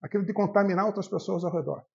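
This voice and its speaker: A man gives a spiritist lecture in a high, animated voice with a gravelly edge. He talks fast, telling anecdotes and playing out both sides of each conversation. The recording is dull and lo-fi. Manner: storytelling, acts out the voices in dialogues. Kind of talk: spiritist talk from the tribune. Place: spiritist center hall.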